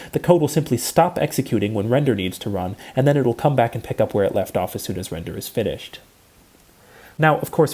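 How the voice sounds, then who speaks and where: A man delivers a scripted technical lecture, explaining things in a careful, exact manner. His mid-range voice is warm in tone with a slight roughness.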